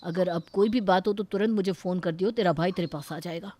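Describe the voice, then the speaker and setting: A woman's voice: on the low side, fast, warm tone, lightly acted. A woman doing an indignant young brother. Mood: protective. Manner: indignant, pleading, argumentative. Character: protective angry brother, young man. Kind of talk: cartoon story voice acting.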